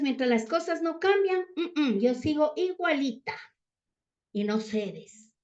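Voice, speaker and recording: A woman giving a Bible teaching talk, constantly checking in with the listeners through rhetorical questions. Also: fairly high pitch. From Ecuador. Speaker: church teacher. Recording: dull lo-fi sound.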